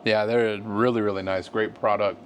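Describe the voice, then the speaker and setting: A man in a laid-back, halting conversation, giving a casual review as co-host of a cigar show. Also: on the low side, flat delivery, a little hiss or hum.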